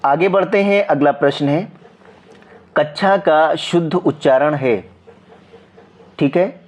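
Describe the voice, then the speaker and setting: A man with a Hindi accent explaining exam practice questions as a coaching teacher, slowly and repetitively, checking in with viewers often. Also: fairly high pitch, darkish tone.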